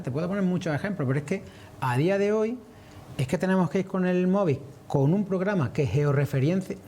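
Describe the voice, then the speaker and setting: A man's voice: sits high, mellow, slight background noise. A man answering as a farmers' representative in a broadcast interview, earnest and explanatory.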